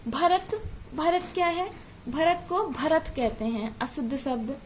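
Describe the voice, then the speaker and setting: Slow, high-voiced woman teaching a class. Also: expressive, a little hiss or hum. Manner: slow, repeats and corrects her phrasing while explaining. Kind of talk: online class lecture.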